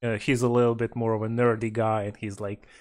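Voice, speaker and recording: A man's voice: on the low side, fairly quick. Rambling man chatting on a podcast. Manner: rambling, hesitant with many restarts and fillers; laughs often, animated when mimicking quotes. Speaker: podcast co-host. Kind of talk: casual chat.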